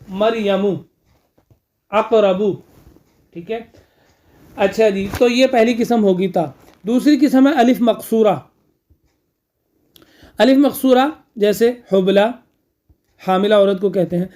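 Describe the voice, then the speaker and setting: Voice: medium pitch, a little mellow. Teacher patiently drilling grammar terms. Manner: repeats key terms, quizzes the listener, then answers; frequent checking fillers. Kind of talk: classroom lecture.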